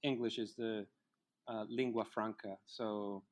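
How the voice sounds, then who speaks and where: A middle-aged man from Colombia, a native Spanish speaker, telling his life story as a guest in a relaxed interview. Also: on the low side, unhurried. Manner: reflective storyteller, many fillers. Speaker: filmmaker guest. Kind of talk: casual interview chat.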